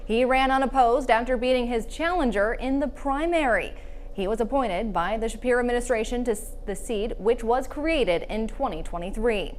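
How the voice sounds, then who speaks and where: A female anchor reads election results from a script in a somewhat high voice. Her delivery is crisp and even, with a faint noise underneath. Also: normal speed. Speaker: news anchor. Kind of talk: scripted news reading.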